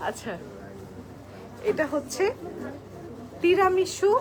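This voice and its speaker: With an extremely high pitch and animated delivery, yet a slow pace, a woman hosts a live-stream sale in a crowded store outlet. She displays products and chats with viewers she calls apu, switching between soft and loud speech. Her clip-on mic also catches the crowd of chattering shoppers behind her.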